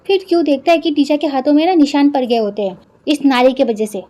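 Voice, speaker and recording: A woman with a Hindi accent recapping a television drama in a lively, casual storytelling way. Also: high-pitched, a little fast. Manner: lively, acts out the characters' quoted lines.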